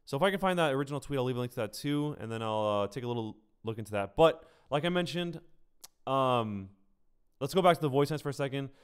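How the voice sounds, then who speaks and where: His mid-range voice is smooth and animated, moving at a quick pace. As a streamer and gaming news host, he delivers casual livestream gaming commentary, chatting directly with viewers.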